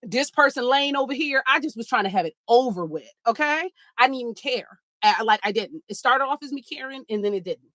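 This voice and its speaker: A sassy woman spins a funny story while walking on a treadmill, calling her listeners girl and baby. Her voice sits a little high and swings widely. The sound is dry and close. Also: lively intonation, brisk, bright, forceful tone, no room sound. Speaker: podcast host. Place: home treadmill, indoors.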